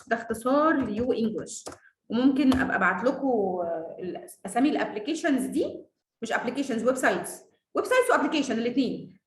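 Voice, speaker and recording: An Egyptian woman with an Egyptian Arabic accent teaches English in a casual online lesson, sounding confident and lively and laughing frequently. Her voice is high and the recording is reverberant.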